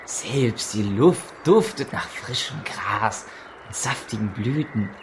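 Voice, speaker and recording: A man's voice: lowish voice, takes it slowly, noisy background. An actor playing a gluttonous, earthy male fantasy warrior in an audio drama, savoring his words. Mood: contented wonder.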